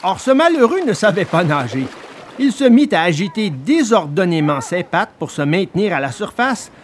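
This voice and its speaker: A man narrating a children's story in an expressive, dramatic storytelling manner. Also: sits high, normal speed, slight background noise.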